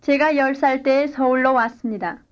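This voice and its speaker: A woman reading a scripted language-lesson dialogue and drill answers in clear, careful model sentences. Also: high voice, normal speed, lo-fi sound. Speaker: language course speaker.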